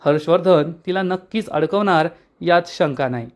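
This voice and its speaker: A man tells the story of a TV serial episode in a lively, dramatic way. His voice sits a little above the usual male pitch. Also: moderate pace. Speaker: serial recap narrator.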